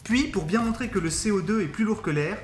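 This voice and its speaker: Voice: medium pitch, animated, fairly quick. A science presenter giving scripted explanations of demonstrations. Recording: roomy echo under music.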